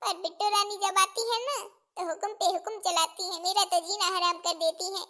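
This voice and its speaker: A woman's voice: extremely high pitch, steady tone, a little fast, sharp tone. A woman voicing a put-upon young daughter-in-law in a cartoon, polite to her face and grumbling aside.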